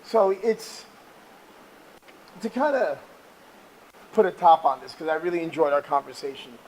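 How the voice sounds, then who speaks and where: High-pitched man hosting while on a treadmill. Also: expressive, a little slow, darkish tone, slight background noise, poor audio. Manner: talking while exercising on a treadmill. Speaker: interview show host. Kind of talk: casual motivational interview chat.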